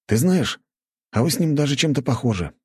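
Guy putting on a high cocky teen prince voice, jokey and mocking. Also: animated, fairly quick, mellow, slightly rough, dry recording, clean studio sound. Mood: teasing. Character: cheerful teenage boy prince, teasing schoolmate.

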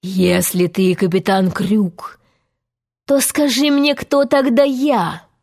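Woman doing Captain Hook, slow and menacing. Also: darkish tone. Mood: probing. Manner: slow, low and threatening. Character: fierce male pirate captain, menacing and proud.

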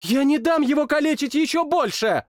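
A man voicing a fierce, indignant young woman from another world who scolds in a sharp, rapid-fire way. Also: extremely high pitch, lively intonation, no echo, clean studio sound, voice pushed up.

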